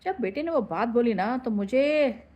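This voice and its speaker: A woman speaker telling a life-lesson story in an expressive way, mixing Hindi and English, with slow, deliberate emphasis on key lines. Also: fairly high pitch, dull audio. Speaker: motivational speaker. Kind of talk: motivational storytelling.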